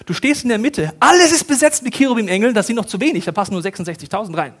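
A middle-aged man preaching a sermon in a casual, slangy way, talking straight to the congregation and acting out quotes with sudden loud rises. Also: high voice, expressive, very fast. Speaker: pastor.

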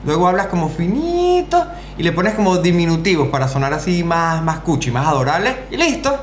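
A woman with an Andean Venezuelan accent explains things in a brisk, teasing tone, with a lower voice than most women. The sound is echoey, with faint noise behind her. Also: sing-song. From Venezuelan Andes. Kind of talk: comedy sketch.

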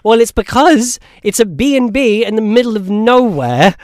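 A man's voice: high-pitched, lively intonation, normal speed, darkish tone, no echo, clean studio sound. An eighteen-year-old man co-hosting a podcast in casual chat, rambling with many restarts and frequent laughs. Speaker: podcast co-host.

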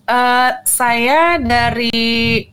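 Woman caller from Central Java, higher voice, polite and slightly hesitant, casual call-in talk. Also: completely flat delivery, extremely slow, fairly bright tone, clean tone. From Magelang, Central Java. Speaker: caller to a show.

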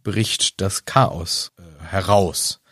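A man's voice: low voice, fairly even intonation, drawn-out words, fairly bright tone, breathy edge, no room sound. Playful male co-host for a casual book-chat podcast, dry close recording. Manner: playful, joking.

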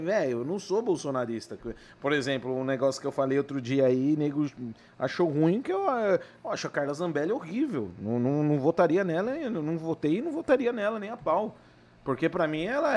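A man's voice: fairly high pitch, moderate pace. A man who is a comedy impressionist, chatting casually and with plenty of slang as a podcast guest. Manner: relaxed, laughs easily, slangy.

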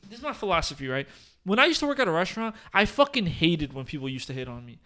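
Young guy podcast host, kinda high voice, rambling storyteller, lots of likes and restarts. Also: quick pace. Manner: animated storytelling, swears, frequent fillers and restarts. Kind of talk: casual chat.

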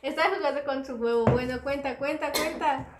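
A woman in casual podcast chat, tossing in giggly, teasing remarks. Her voice is high, and clear noise sits behind her. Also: fairly quick, echoey room. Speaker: podcast co-host. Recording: noisy background.

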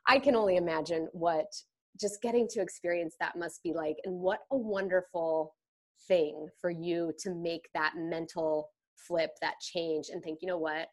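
A woman's voice: on the low side, steady tone. Effusive, chatty woman podcast host. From grew up in the rodeo world. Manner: effusive, chatty, quick bursts of enthusiasm. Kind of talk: casual interview chat.

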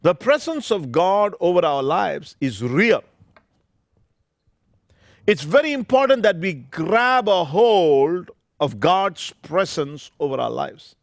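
A man's voice: high-pitched, big pitch swings, slow pace, creaky, no echo, studio quality. A man, a pastor preaching a sermon into a pulpit microphone, emphatic and drawing out scripture phrases word by word.

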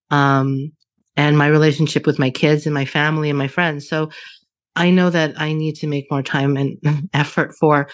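A woman's voice: low-pitched, no room sound. Frank, swearing woman nearing forty. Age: 30s. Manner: swears freely, laughs often, talks in restarts. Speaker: podcast guest. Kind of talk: casual chat.

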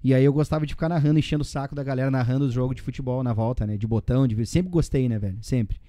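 A man's voice: medium pitch, rapid-fire, warm tone, no echo, clean studio sound. A man in his forties from southern Brazil with a Rio Grande do Sul accent, rambling through memories as an interview guest, full of tag questions and slang fillers. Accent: Rio Grande do Sul Portuguese. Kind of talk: casual interview storytelling.

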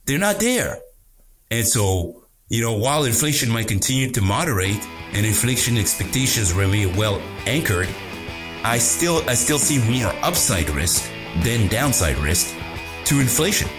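A man with a mid-pitched voice gives economic analysis as a podcast guest. He talks haltingly, doubling back on words and phrases, and presses his points with frequent tag questions. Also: big pitch swings, music in the background.

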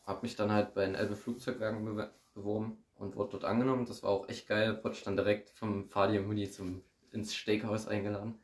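A man's voice: lowish voice, little pitch movement, a little fast. A man chatting casually as a podcast guest, slangy and rambling, laughing often. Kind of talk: casual chat. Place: recording room. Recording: roomy echo.

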